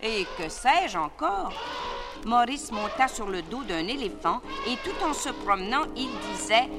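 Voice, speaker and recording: A woman narrating a children's story in a gentle, sing-song storybook manner, on an old vinyl record with music behind. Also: on the high side, big pitch swings, measured pace.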